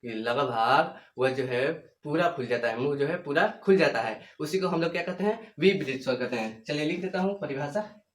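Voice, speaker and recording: A man's voice: fairly high pitch, lively intonation. A young man gives a whiteboard grammar lecture, repeating himself and asking and answering his own questions, stretching out the sounds he demonstrates. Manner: repetitive, asks questions and answers them himself; slow, drawn-out demonstration of sounds. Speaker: teacher. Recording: echoey room.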